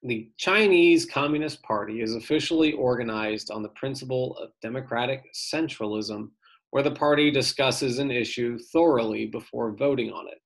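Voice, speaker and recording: A male teacher reading an article aloud to his students for an online lesson, steady and plain with brief casual asides. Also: mid-range voice, normal speed, creaky.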